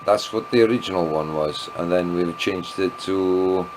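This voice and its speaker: A low-pitched Welsh man, a native Welsh speaker, talks at normal speed with noise in the background. He's a vlogger rambling through his evening video diary after some wine, a bit tipsy, drifting off his point and throwing in self-deprecating comments.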